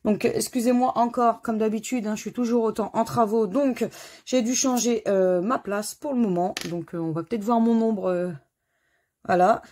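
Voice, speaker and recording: A middle-aged woman hosts a scratch-card video from a home corner under renovation, casually commenting as she scratches crossword lottery tickets and spelling out letters one by one in a chatty, self-mocking way. Her darkish voice is a little high at a moderate pace, with a little hiss or hum in the recording.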